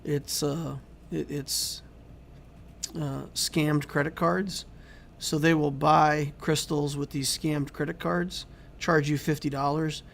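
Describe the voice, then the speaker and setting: A man talks loosely through a game livestream, answering chat questions with plenty of restarts. His voice sits a little high and has a gravelly edge, strained as if he is losing it. A faint hiss of noise runs behind him. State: losing his voice, clearing throat. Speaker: YouTube game channel host. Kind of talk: casual livestream commentary.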